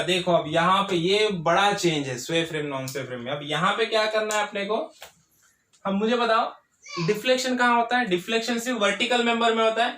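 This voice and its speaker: A man's voice: high voice, sharp tone, slight background noise. A male engineering tutor giving a whiteboard lecture, asking the class questions and answering them himself. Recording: echoey classroom.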